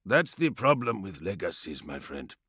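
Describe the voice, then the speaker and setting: A man voicing a calm, wise male veteran warrior who speaks gently and reflectively. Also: sits low, moderate pace, slightly rough, dry recording, studio quality, full character voice.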